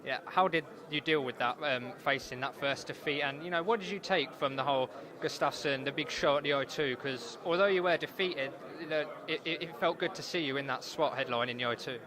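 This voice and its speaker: A man's voice: fairly high pitch, a little fast, few pauses. A man working as an interviewer, asking conversational questions about sport. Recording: crowd chatter behind, urban venue.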